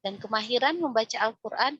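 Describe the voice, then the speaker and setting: Bright-voiced woman teaching Quran recitation. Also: on the high side, lively intonation, fairly quick, slightly rough, dry recording, muffled recording. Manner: explains step by step, frequent tag "ya", demonstrates recitation aloud. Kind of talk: religious class lecture.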